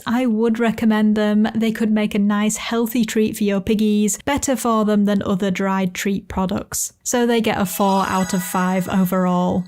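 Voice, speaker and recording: A woman's voice: medium pitch, darkish tone, a little hiss or hum. A woman reviewing guinea pig products in a chatty vlog, laughing often and cooing at her pets.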